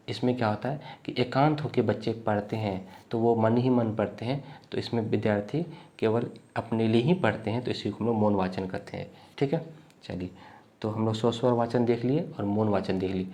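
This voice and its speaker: Unwell man teaching, low voice. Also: a little mellow. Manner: repetitive, explains slowly with frequent "thik hai" checks. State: unwell, coughing. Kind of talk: exam-prep lecture.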